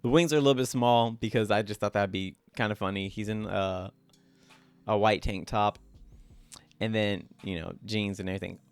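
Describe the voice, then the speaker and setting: A man's voice: on the low side, fairly even intonation, moderate pace, smooth, no room sound. A young man casually talking through his own drawings as host, rambling and self-critical, with lots of "like" fillers. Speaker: artist and channel host.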